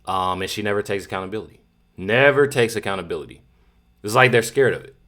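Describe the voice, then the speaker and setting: A man's voice: on the low side, fast talker, a bit bright. A man hosting a reaction channel, talking casually and emphatically with many fillers and repeats. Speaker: commentary channel host.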